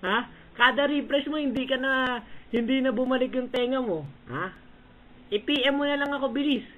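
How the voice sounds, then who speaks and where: A man's voice: very high voice, normal speed, bright, forceful tone. Taunting man on a tinny voice chat. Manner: taunting and bossy, repeatedly barking short orders and "ha?". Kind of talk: casual trash talk in an online voice chat. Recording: tinny voice-chat line with faint hiss.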